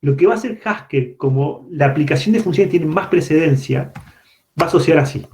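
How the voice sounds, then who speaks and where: A man's voice: on the high side, animated, a little fast, darkish tone. A man giving an online university programming lecture, explaining step by step and often checking that students follow. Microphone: computer mic on a video call. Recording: dull lo-fi video-call audio.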